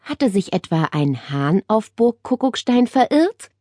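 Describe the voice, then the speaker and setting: A woman narrating a children's audiobook with expressive storytelling. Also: medium pitch, a little slow, background noise.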